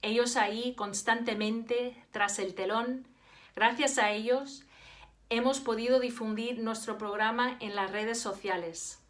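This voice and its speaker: A woman's voice: fairly high pitch, steady tone, measured pace, fairly bright tone. A woman from Spain with a Spanish accent, a teacher giving a formal address and thanking her staff. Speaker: Spanish and French teacher, program director.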